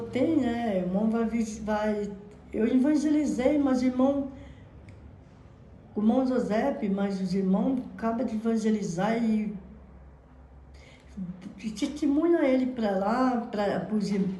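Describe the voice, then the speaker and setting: A woman's voice: medium pitch, mellow. A Brazilian woman in her thirties with a Brazilian Portuguese accent, giving a fervent religious testimony into a phone. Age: 30s. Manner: fervent, frequent praise exclamations. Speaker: church member giving testimony. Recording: echoey room, faint background noise.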